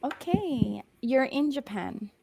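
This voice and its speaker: A young Australian woman with a high-sitting, expressive voice, warm and breathy-edged with vocal fry, teaches a one-on-one English lesson over a video call. She is patient and encouraging, slowing down, rephrasing often and using many ums. The recording is rough.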